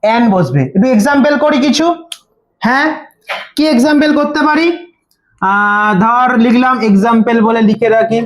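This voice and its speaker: A woman's voice: fairly high pitch, normal speed, reverberant. A woman tutoring a grammar lesson in a casual way, who keeps asking and answering her own questions and repeats the key answers.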